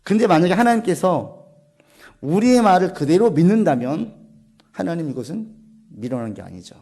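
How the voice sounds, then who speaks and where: A male pastor preaching a sermon, asking the congregation questions and answering them himself, dropping to a soft low voice on key points. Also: big pitch swings, moderate pace. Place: church sanctuary.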